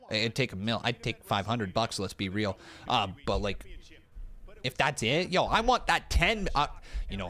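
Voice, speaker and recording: A man from Canada in his thirties, a pro wrestling streamer chatting casually to his live chat, joking at himself and swearing now and then. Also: mid-range voice. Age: 30s. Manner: animated, talks straight to chat, swears, jokes at himself. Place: room in his rented home.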